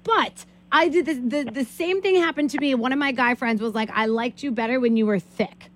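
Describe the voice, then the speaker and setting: A woman hosting a morning radio show, chatting in a gossipy, animated way. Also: high-pitched, a little fast. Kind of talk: casual radio chat.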